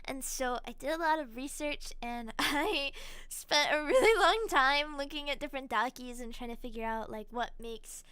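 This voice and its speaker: A woman streaming as a VTuber, chatting casually while gaming, excitable and rambling with frequent giggles. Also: sits high, normal speed, hardly any pauses, no room sound.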